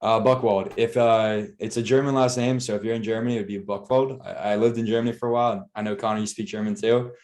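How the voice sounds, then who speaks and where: A young man in his twenties, a guest software engineer, answering in a modest, easygoing way. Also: lowish voice, level tone, fast talker, hardly any pauses. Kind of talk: casual interview.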